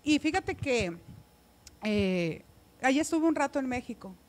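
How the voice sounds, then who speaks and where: A middle-aged woman from Ciudad Obregón, Mexico, with a northern Mexican accent, tells casual, chatty stories as an interview guest and radio announcer. Her voice is high and her pace measured, and she's animated and expressive, often quoting others. She holds a handheld mic close in a small decorated studio.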